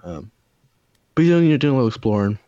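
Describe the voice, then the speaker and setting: A man with a very low voice tells stories in loose, rambling casual chat, full of fillers and swearing. The sound is dry and a little dull and lo-fi, with no room around it. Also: big pitch swings, quick pace, dark tone, dry recording. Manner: rambling storyteller, profane, lots of fillers.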